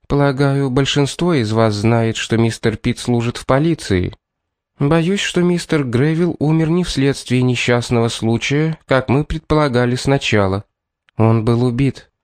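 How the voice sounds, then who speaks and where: A man voicing a composed, firm lady of the house who speaks in a measured way. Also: medium pitch, a little mellow, clean tone, no room sound, studio quality, close to an everyday voice. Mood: grave.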